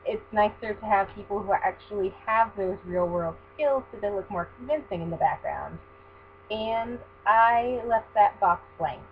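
A woman's voice: mid-range voice, moderate pace. A woman in her twenties chatting casually in a rambling vlog, recorded on a webcam in a small bedroom. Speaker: vlogger. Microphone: built-in webcam mic. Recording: dull lo-fi webcam audio with faint hum.

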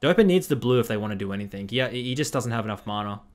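Recorded on a headset in a small room at home, a young man comments on a game replay in a casual, blunt way with quick critical asides. His voice is on the low side, with lively intonation.

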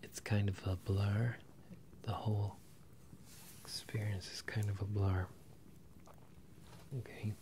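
Close to ear-to-ear stereo microphones, a man in his twenties murmurs and whispers breathily in character as a wizard professor, bemused and apologetic toward a student. The roleplay is hesitant and halting, with a flat delivery and background noise.

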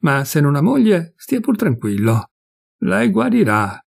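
A man's voice: a little high, sing-song, unhurried, creaky, voice pushed up, exaggerated voice. A man voicing a fat, jovial man in his fifties who gossips and confides, pleased with himself, in a storybook reading. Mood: chatty.

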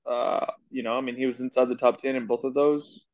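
A man's voice: medium pitch, flat delivery, a little fast, no echo, lo-fi sound. A man on a podcast, joining over a remote call and telling stories loosely, with lots of fillers. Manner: loose, filler-heavy storytelling. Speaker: podcast co-host. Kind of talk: casual podcast chat.

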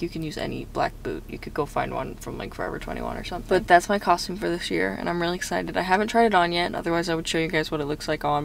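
A woman's voice: deep voice, creaky, a little hiss or hum. A young woman vlogger chatting casually to her viewers, with lots of filler words. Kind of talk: casual vlog chat and voice-over. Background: background music.

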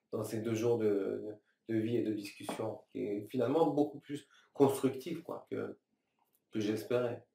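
A man's voice: mid-range voice, warm tone. A man in his thirties from Iran, a filmmaker answering interview questions thoughtfully, with many restarts and fillers. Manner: thoughtful, halting, many restarts and fillers, gestures with both hands. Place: small room, seated at a table. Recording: roomy, slightly distant sound.

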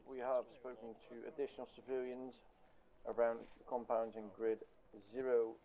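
A man reporting over a game's radio channel in formal, clipped military radio procedure, calm and methodical. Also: mid-range voice, moderate pace. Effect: heard over a game's radio channel. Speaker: player giving a situation report. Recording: dull, muffled radio sound.

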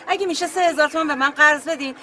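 A woman's voice: high-pitched, pushed and bright. A frightened pleading mother. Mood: begging. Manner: pleading, distressed. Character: anxious middle-aged mother, pleading and frightened.

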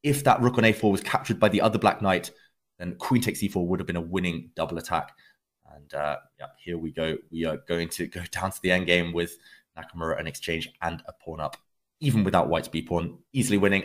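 A man giving live chess commentary as a commentator, in measured, dramatic short phrases. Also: sits low.

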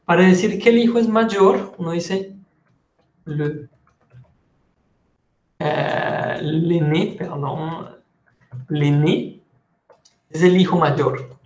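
A man with a Colombian Spanish accent teaching a French lesson, patiently explaining and repeating phrases slowly. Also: high-pitched, steady tone, reverberant. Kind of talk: online language lesson.

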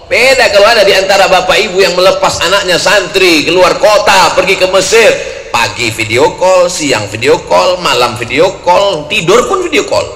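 A man from Riau, Sumatra, preaching a lively sermon to a crowd. He jokes, acts out quoted voices and breaks into sudden shouts. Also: high-pitched, normal speed. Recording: echoey hall with long reverb, faint noise.

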